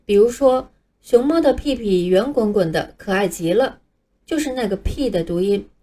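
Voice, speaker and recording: A woman teaching English letters, speaking patiently and clearly in a scripted lesson, with Chinese as her first language. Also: mid-range voice, lively intonation, moderate pace, dark tone. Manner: patient, clear, modeling pronunciation for learners to repeat.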